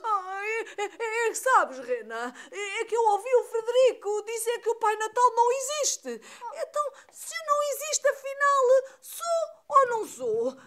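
A doleful old Santa Claus from a puppet theatre show, acted out by a woman, who keeps sighing "ai" and breaking into chuckling ho-hos. The voice sits very high despite the old man it plays. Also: lively intonation, normal speed, a bit bright. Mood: mournful. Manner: constant sighing and moaning, chuckling ho-ho laughs.

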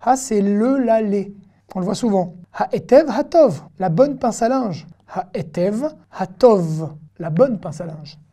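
Mellow-voiced woman teaching patiently. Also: medium pitch. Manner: patient, spells out syllables slowly and checks in often. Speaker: language teacher. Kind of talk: online language lesson.

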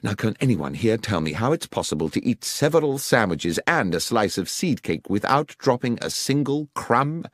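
Man voicing a brisk, commanding detective, animated pitch. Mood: triumphantly explaining. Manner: precise, emphatic, questioning. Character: brisk, commanding male detective, incisive and coolly sardonic. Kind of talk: dramatised audiobook dialogue.

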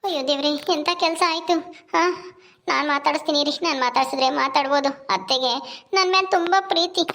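A woman playing an anxious young daughter-in-law in a village family drama, with a fast, fussing manner. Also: high voice, fairly bright tone, a little hiss or hum.

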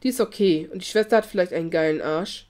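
A woman's voice: lowish voice, fast, a little mellow, lightly acted. A woman reading the lines of an arrogant, whiny young male thug who sounds defiant and indignant.

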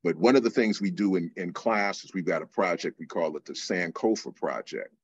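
An older man from California, a teacher answering interview questions in a measured, explanatory way with frequent fillers. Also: low voice, husky, dry recording, muffled recording. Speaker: guest teacher.

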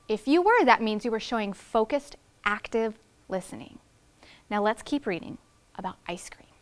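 Animated, high-voiced woman teaching young children. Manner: instructional, deliberate enunciation of big words. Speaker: first grade teacher. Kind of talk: read-aloud lesson for young children. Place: indoors in a classroom.

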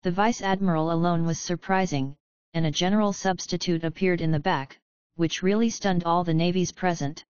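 A woman's synthetic voice narrating an audiobook in a flat, evenly paced reading, recorded with dull lo-fi sound. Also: fairly low pitch, moderate pace, clear, resonant tone, no room sound.

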